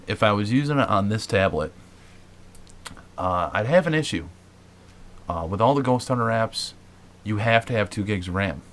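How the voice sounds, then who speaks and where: A man with a low voice hosts a paranormal investigation show, explaining things to his viewers in a loose, chatty way. He circles back on himself often, filling gaps with uhs and restarted phrases. A faint hiss sits under the recording. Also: a bit bright. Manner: rambling, many fillers and restarts.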